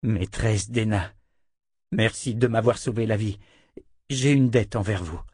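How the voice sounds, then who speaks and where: A man voicing a proud, tormented male prisoner who speaks in a restrained, measured way, in his own register, in a dry recording. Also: on the low side, a little mellow, slightly rough, no room sound. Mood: defiant.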